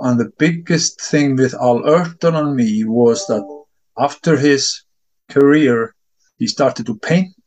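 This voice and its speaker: A middle-aged discus coach from Iceland speaks at medium pitch, slightly mellow, while sincerely answering interview questions at home in his non-native English. He frequently repeats words as he thinks things through, and the audio quality is poor.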